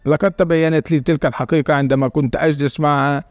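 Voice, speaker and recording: A man narrating a dramatic first-person story in a steady reading voice. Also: fairly high pitch, fast, no room sound, lo-fi sound, faint music behind.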